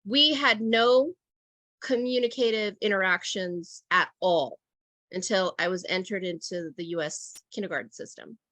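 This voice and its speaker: A woman's voice: medium pitch, normal speed, pushed and bright, no echo. A middle-aged woman leading an online teacher workshop over a video call, talking reflectively and checking in with "right?" and "okay?".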